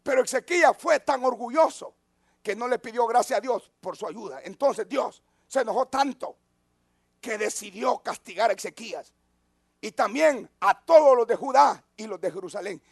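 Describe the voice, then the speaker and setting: A man preaching a sermon as a pastor, who drops to near-whispers and then rises to shouts. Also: extremely high pitch, animated, normal speed, vocal fry, dry recording, studio quality.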